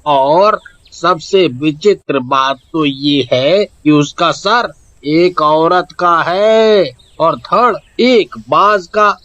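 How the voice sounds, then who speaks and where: A man's voice: high voice, sharp tone, no echo, heavily acted. A man playing a frightened village man in a cartoon story, anxious and gossipy.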